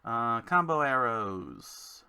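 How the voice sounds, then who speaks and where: A man designing a card game, thinking aloud to himself in a slow, musing way as he works. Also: mid-range voice, expressive, creaky, bright, forceful tone, clear, resonant tone.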